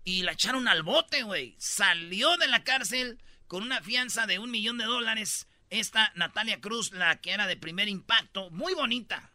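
A man's voice: high-pitched, lively intonation, normal speed, few pauses, bright, forceful tone, no room sound. A man with a Mexican Spanish accent hosting a comedy radio show, rambling through slangy, joking stories. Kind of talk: comic radio banter.

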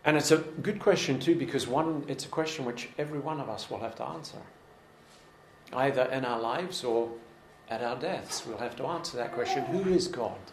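A man's voice: mid-range voice, moderate pace, roomy sound, slight background noise. A man preaching a sermon to a congregation in a room, earnest and repeating his points for emphasis.

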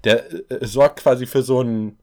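A man chatting on a casual podcast, his pitch sitting in the middle of the male range. He explains things at length, restarts his sentences often and laughs his way through his points. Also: steady tone, a little slow, darkish tone. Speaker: podcast co-host.

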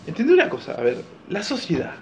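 A man's voice: high voice, huge pitch swings, fast talker, slight background noise. A young man with a Rioplatense Spanish accent co-hosting a casual podcast, joking around, laughing often and playfully exaggerating. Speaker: podcast co-host. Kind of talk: casual chat.

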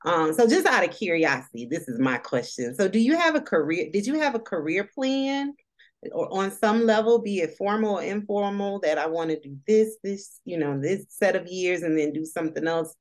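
A woman's voice: on the low side, lively intonation, normal speed. A woman hosting a social work career podcast, asking questions in an enthusiastic, affirming way. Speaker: podcast host, social worker. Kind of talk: podcast interview.

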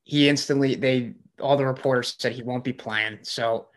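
A man's voice: mid-range voice, steady tone, normal speed. A man with a mid-range voice co-hosts a sports podcast. He talks with enthusiasm and rambles, stacking fillers as he builds his points. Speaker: podcast co-host. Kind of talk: casual sports chat.

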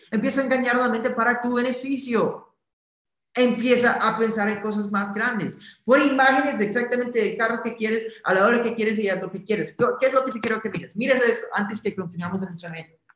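Live-streaming a motivational training from his office, a man leads viewers through a guided visualization, tagging nearly every sentence with a quick question. His voice is extremely high-pitched and a bit bright, with a reverberant sound.

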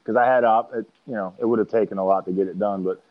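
A man's voice: lowish voice, steady tone, fast talker, phone-quality sound. A man in his forties as an interview guest, talking in an easygoing, loose way. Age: 40s. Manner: easygoing, loose, laughs often. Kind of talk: casual interview chat.

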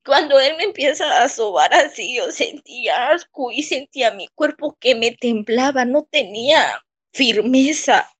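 A woman recounting a personal ordeal in an interview, in a shaken, halting way with frequent pauses. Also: high-pitched, expressive, husky. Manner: halting, shaken, pausing often. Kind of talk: emotional personal testimony.

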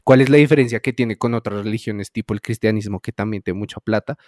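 A man's voice: lowish voice, fast talker, darkish tone, no room sound. Male co-host, opinionated and explanatory, close dry mic. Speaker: podcast co-host. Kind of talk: casual review chat.

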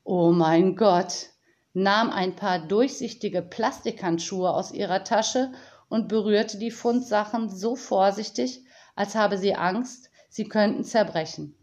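A woman narrating a children's audiobook in a calm, deliberate storytelling manner. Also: medium pitch.

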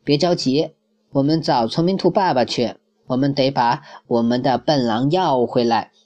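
A man's voice: mid-range voice, normal speed, a little mellow, dull audio, close to an everyday voice. A man voicing a worried, angry father wolf in a children's story, speaking insistently.

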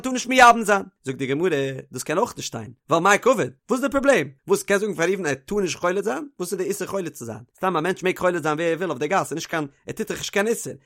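A man with a fairly high voice leads a study lesson on an old text. He reasons aloud with quick questions and answers, his pitch rising and falling in a chanting singsong as he explains. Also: a bit bright. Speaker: Talmud teacher.

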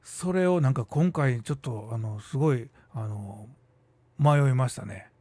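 A man's voice: medium pitch, dark tone, husky, no room sound. A middle-aged man with a Kansai accent talking casually and musing aloud as the host of a solo talk show. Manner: chatty and musing, with quick asides and drawn-out hesitations. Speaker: theater troupe leader and podcast host.

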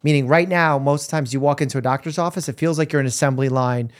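A man's voice: a little high, fast talker. A man who is a doctor, hosting a conversational interview and asking probing follow-up questions. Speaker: physician host.

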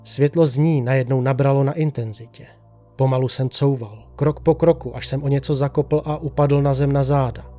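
A man narrates a first-person horror story in a slow, hushed, suspenseful voice of ordinary pitch for a man. He drops to near silence on the quiet moments. A faint music bed plays beneath his reading. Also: fairly even intonation.

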